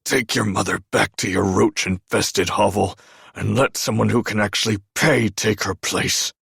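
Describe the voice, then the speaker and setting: A man's voice: lowish voice, fairly even intonation, moderate pace, gravelly, a bit bright, breathy edge, dry recording, clean studio sound, pitched above the performer's own voice, heavily acted. A man voicing a smug, greedy and cowardly male doctor in an audiobook, with a sneering, condescending manner. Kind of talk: audiobook narration.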